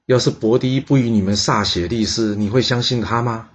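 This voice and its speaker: A man's voice: medium pitch, steady tone, moderate pace, breathy edge, pitched above the performer's own voice, lightly acted. A man voicing a stern ruler who speaks coldly and with command. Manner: cold, commanding. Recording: dull lo-fi recording.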